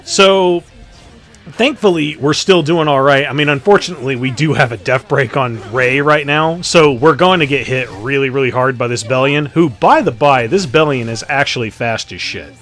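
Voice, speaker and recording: A man's voice: medium pitch, moderate pace, a bit bright, faint music behind. Profane, offhand male gaming commentator. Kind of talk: casual game commentary voice-over.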